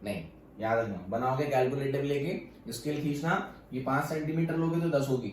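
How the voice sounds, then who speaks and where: A man teaching a physics class, firing quick questions at students and answering them himself. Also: mid-range voice, a little hiss or hum. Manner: quizzing students with rapid questions. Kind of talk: classroom lecture. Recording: very echoey room, far from mic.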